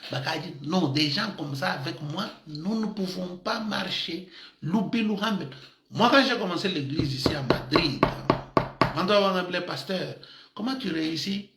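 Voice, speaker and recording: A man preaches with animated energy, laughing often and dropping African words into his sermon. His voice sits slightly high and rings bright and forceful. The sound is roomy, with echo around him. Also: slight background noise. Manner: lively, mixes in Lingala and Tshiluba words, laughs often. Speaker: pastor. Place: church in Madrid.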